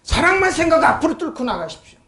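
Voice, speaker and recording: A woman pastor delivers an emphatic sermon, reading scripture and throwing rhetorical questions at her congregation. Her pitch swings widely as she presses each point. The recording carries the roomy echo of a church hall. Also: very animated, fast, background noise.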